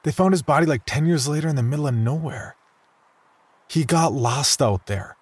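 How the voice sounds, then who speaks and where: A man's voice: fairly high pitch, moderate pace, breathy edge, no echo. A man voicing a cautious twelve-year-old boy. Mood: wary. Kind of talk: horror story dialogue.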